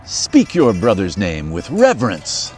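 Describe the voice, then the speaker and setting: A man's voice: lowish voice, huge pitch swings, a little slow, a little mellow, soft background music, pitched below the performer's own voice. A man voicing a stern, impatient mother in a children's storybook.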